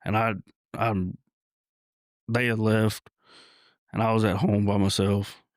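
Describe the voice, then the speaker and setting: A man, a podcast guest telling a personal story in a halting way, with many restarts and fillers. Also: on the low side, flat delivery, no room sound, clean studio sound.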